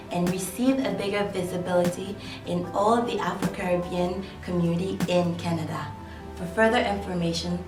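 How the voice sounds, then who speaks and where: Female announcer over background music. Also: on the low side. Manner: even, read-aloud delivery. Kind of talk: read advertisement. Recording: roomy, distant, music underneath.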